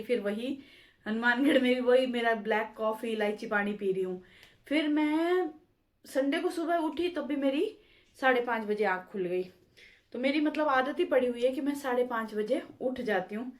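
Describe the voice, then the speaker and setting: A middle-aged woman chatting casually to viewers in a home vlog, homely and talkative, often calling out "chaliye ji". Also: a little high. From India. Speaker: vlogger.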